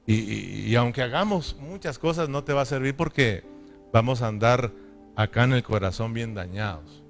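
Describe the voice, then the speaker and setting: A man's voice: medium pitch, moderate pace, gravelly, soft background music. A man preaching a sermon as pastor, emphatic and often asking his listeners for agreement. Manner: emphatic preaching with repeated call-and-response questions.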